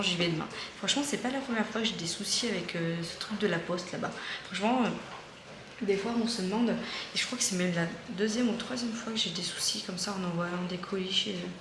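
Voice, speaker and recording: Chatty woman vlogging in an echoey room. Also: medium pitch. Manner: chatty storytelling with many fillers. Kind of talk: casual vlog chat. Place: family home. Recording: echoey room with background noise.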